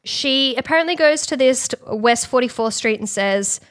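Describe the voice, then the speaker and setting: A woman co-hosting a podcast, retelling a story in casual chat and acting out quick quotes. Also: high-pitched, expressive, a bit bright, dry recording, clean studio sound. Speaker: podcast co-host.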